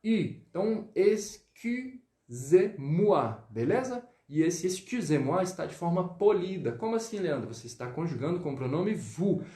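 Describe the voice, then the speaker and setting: Man teaching french, echoey room. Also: on the high side. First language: Portuguese. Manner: lively teaching, greets viewers, drills pronunciation slowly. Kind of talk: live online language lesson.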